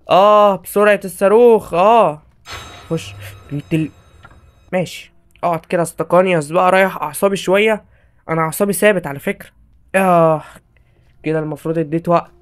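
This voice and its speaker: A high-voiced young man with an Egyptian Arabic accent, talking fast as he plays a horror game. He swings between panic and exasperation, shouting at the characters, and soft music plays underneath. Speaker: gaming YouTuber. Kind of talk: horror game let's play commentary.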